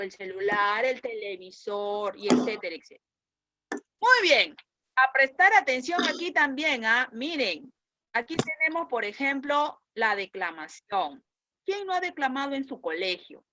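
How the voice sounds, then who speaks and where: A woman's voice: fairly high pitch, pushed and bright, no room sound. A woman teacher with a Peruvian Spanish accent, explaining a lesson in an online class and checking with her students as she goes. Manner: explanatory, asks students questions and checks with "¿correcto?".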